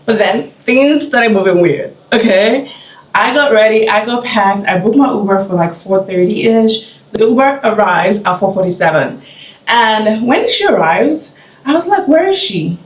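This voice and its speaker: A young woman vlogger excitedly retelling a travel mishap in a casual, dramatic storytelling way. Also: medium pitch, unhurried. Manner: animated, dramatic retelling with frequent "okay?" asides. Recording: roomy sound, mic at a distance.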